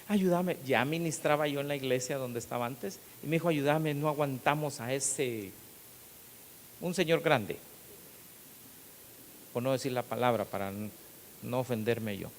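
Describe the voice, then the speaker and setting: A middle-aged man, a pastor, preaching an animated sermon and acting out the people in his stories. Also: mid-range voice, brisk. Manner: animated storytelling, acting out quotes, rising to loud emphasis. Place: church hall. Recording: long hall reverb with faint hiss.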